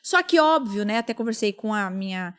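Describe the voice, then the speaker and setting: This podcast host, a woman in her thirties, has a clean, mid-range voice that is expressive and a little fast. In easygoing conversation she tells a personal story with feeling, acting out others' dialogue.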